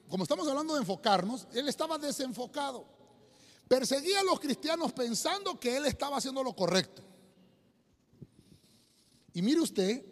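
A man preaches a sermon to his congregation in a very high, lively voice that swings up and down. He keeps repeating words and turns to address his listeners directly, and long hall reverb trails every phrase. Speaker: pastor. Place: church sanctuary.

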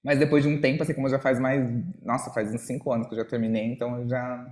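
A man's voice: mid-range voice, flat delivery, fast talker, a little mellow. A man, joking in a casual podcast chat. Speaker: podcast guest. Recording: echoey room.

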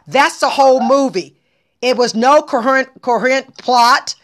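A woman hosting a casual podcast chat, talking animatedly and exclaiming loudly when she gets excited. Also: high voice, normal speed. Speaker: podcast host.

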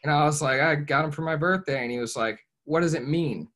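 A man's voice: a little high, brisk, a bit bright. A young man from Ohio, a podcast guest telling his story in an earnest, reflective way, often restarting and saying "you know". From Ohio, USA. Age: young adult. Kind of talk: casual podcast interview.

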